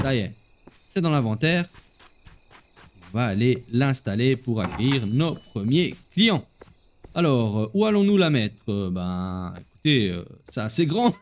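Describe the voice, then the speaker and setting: Brief: playful gaming host, a man with a fairly high voice, talking straight to viewers as he plays. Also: slight background noise. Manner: chatty, talks straight to viewers while playing; playful, laughs at himself. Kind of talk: casual gameplay commentary.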